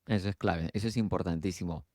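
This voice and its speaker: A male doctor hosts the conversation, posing questions and summing up points in an explanatory way. His voice is fairly low and comes across close and dry. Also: fairly even intonation, fast, darkish tone, no room sound. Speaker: physician host. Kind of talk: conversational interview.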